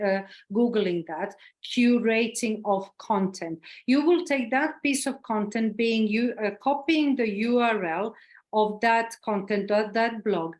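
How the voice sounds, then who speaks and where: A woman answering audience questions in an online marketing workshop, chatty and encouraging, with many fillers. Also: a little high. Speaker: workshop expert. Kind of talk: webinar Q&A.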